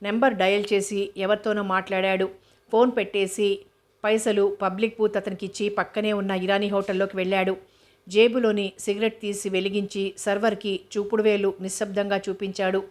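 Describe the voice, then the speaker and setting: A woman reads a novel aloud as an audiobook. Her pitch is mid-range and her delivery is flat and steady. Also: brisk. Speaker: narrator.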